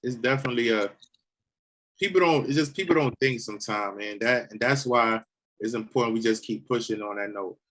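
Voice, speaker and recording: A young man hosting an easygoing interview, his voice in a middle pitch. He talks loosely and conversationally, often restarting and repeating words as he works out his point. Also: fairly quick, a bit bright. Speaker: host. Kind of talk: casual interview chat.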